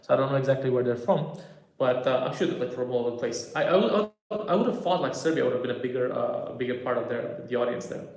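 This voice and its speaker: A Romanian stand-up comedian in his 30s, whose first language is Romanian, chats casually on a livestream and answers viewer comments as they come in. His voice is mid-range, gravelly and darkish, he talks fast, and the room sounds echoey.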